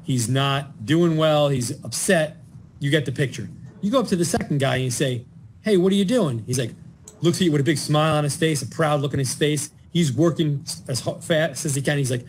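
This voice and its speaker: An earnest middle-aged man speaks as a counselor, giving practical advice in an informational video. His voice sits a little high for a man, and faint background noise is heard under his speech. He tells his examples with an animated storyteller's energy. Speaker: mental health and addiction counselor.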